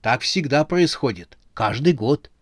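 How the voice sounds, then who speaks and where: A man voicing a panicky old gray-bearded man in a storybook, talking high and flustered. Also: expressive, a little slow, no room sound, clean studio sound. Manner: high, flustered, weak protests.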